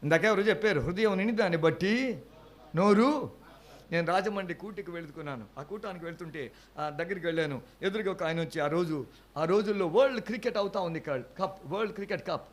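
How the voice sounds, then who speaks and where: An older man preaching a sermon, telling stories quietly, then rising to loud, high exhortation, with English words mixed in. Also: brisk. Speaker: pastor.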